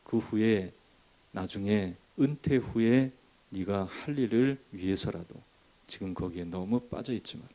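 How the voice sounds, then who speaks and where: A man preaching a sermon as pastor, shifting from a chatty storytelling tone to loud, emphatic declarations. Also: fairly low pitch, measured pace, highs cut off.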